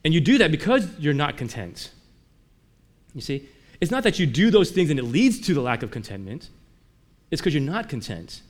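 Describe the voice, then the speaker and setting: A man preaching a sermon in a conversational way, moving between emphatic lines and quiet ones, often asking his listeners rhetorical questions. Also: fairly high pitch, big pitch swings, moderate pace. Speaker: pastor.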